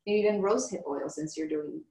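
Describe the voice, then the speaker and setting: A woman's voice: deep voice, fairly quick, a little mellow. A woman in a class asking questions and restating the steps to check them. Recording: roomy, distant from the mic.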